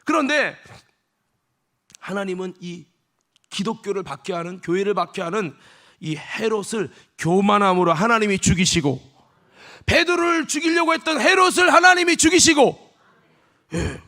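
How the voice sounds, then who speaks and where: A man preaching a sermon as senior pastor in a church, animated, acting out scenes in dialogue and leading the congregation in shouted responses. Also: high-pitched, moderate pace, pauses often. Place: church sanctuary.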